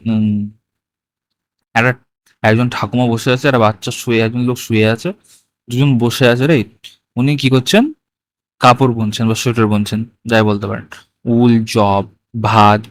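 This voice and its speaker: A man's voice: mid-range voice, dry recording. A male teacher walks through a primary school textbook in mixed with English, often checking "right?". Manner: explains in Bengali mixed with English words, often asks "right?". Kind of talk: walking through a textbook lesson.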